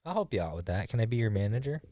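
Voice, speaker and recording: A man hosts his own podcast in loose, rambling chat, sounding high and restarting his thoughts often. His voice sits low, and the studio sound is dry and close. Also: big pitch swings, rapid-fire, dark tone, no echo. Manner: rambling, laid-back, many restarts. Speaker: podcast host. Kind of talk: casual chat.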